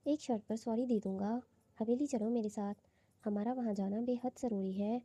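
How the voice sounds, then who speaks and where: A woman's voice: on the high side, steady tone, dark tone, husky, no room sound. A woman voicing a teasing, romantic young husband in a coaxing, playful way. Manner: coaxing, playful, lightly reading.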